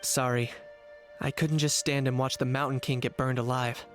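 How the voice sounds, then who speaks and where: A man plays a young warrior in an anime game. His medium-pitched voice stays cool and practical, reserved and to the point, with soft music behind it. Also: level tone, normal speed, close to an everyday voice. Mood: cool, dry. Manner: level-headed, matter-of-fact. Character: calm, pragmatic, reserved young male warrior. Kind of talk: anime video game voice acting.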